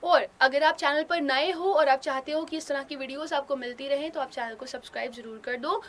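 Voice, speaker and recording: A woman's voice: high voice, a little fast, fairly bright tone. A woman English teacher explaining a play, line by line, in simple Hindi for students. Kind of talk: bilingual classroom story explanation.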